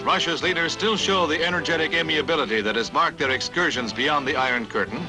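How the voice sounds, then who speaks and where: A man voices a 1950s newsreel in a dramatic, punchy announcer style, his voice sitting on the higher side. He tosses in wry one-liners between the stories. A strong music bed plays clearly under his voice. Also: low-quality recording. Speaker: newsreel narrator.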